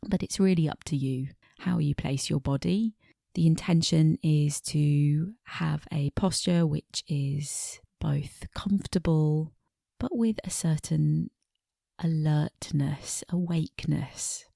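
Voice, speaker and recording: In a deep, creaky voice, a woman teaching meditation walks through a body scan at a gentle pace, leaving pauses between brief phrases that soften and grow breathy at the ends. The recording is dry, with clean studio sound.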